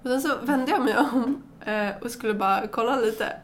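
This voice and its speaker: Fairly high-voiced young woman chatting. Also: a little hiss or hum. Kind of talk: casual chat, storytelling.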